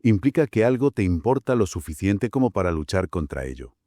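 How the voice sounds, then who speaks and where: A man from Spain co-hosting a Bible study podcast, explaining in a measured way. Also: deep voice, very animated, warm tone, no room sound, clean studio sound. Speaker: podcast co-host.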